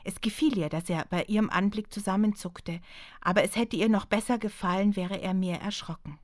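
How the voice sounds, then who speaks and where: A woman, the author, reading her historical novel aloud in a calm, measured way. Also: mid-range voice, no room sound, studio quality. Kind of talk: audiobook narration.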